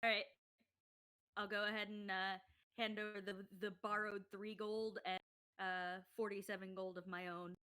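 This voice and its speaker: Female tabletop player, bright voice at middle pitch, casual and halting delivery. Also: little pitch movement, clean tone. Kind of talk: casual role-play chat.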